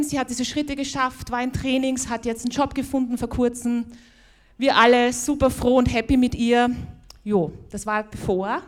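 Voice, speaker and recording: A Viennese woman with a fairly high voice opens a conference in a conference hall as its host. Her welcome speech is friendly and loosely spoken, full of fillers and restarts.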